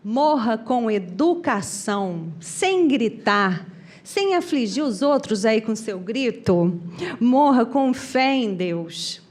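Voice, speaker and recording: A woman voicing a calm, stern spirit guide who scolds a frightened man. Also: high voice, a little slow. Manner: firm, admonishing.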